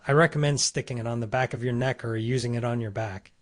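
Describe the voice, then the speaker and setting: A man reading as a calm woman ally. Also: medium pitch, fast talker, natural voice.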